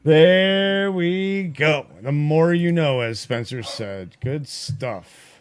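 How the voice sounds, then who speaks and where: Excitable guy cohosting a podcast, kinda high voice, just chatting. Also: very slow, smooth. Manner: excitable, exclaims often. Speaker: podcast co-host. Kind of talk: casual chat.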